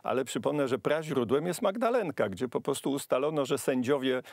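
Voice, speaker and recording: A man's voice: medium pitch, expressive, fairly quick, creaky, dry recording. A middle-aged man hosting a studio political discussion, talking in an emphatic, opinionated way with digressions. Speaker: political talk show host. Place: studio set with armchairs.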